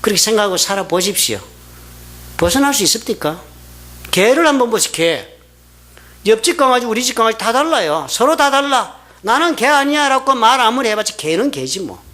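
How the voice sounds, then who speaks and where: A man pastor giving a conversational sermon, firing rhetorical questions at the congregation and swinging between loud emphatic peaks and quiet asides. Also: high voice, very animated, brisk.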